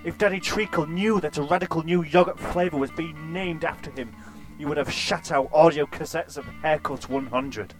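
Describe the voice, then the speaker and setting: Male narrator, deadpan and crude, slightly high voice, soft music underneath. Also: moderate pace. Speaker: storyteller. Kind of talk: absurd comic story narration.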